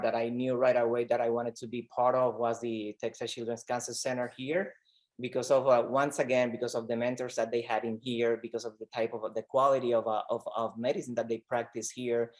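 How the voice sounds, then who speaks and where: A man from Rico speaks as a podcast guest, in a mid-pitched voice. He talks earnestly and haltingly, often repeating words as he gathers his thoughts. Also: level tone, darkish tone. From Puerto Rico. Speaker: pediatric oncologist guest. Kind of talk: conversational interview.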